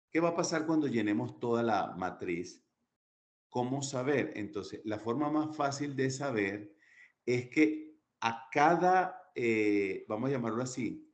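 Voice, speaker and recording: A man's voice: on the low side, a little mellow. A man teaching a recorded class, explaining step by step with many fillers and restarts.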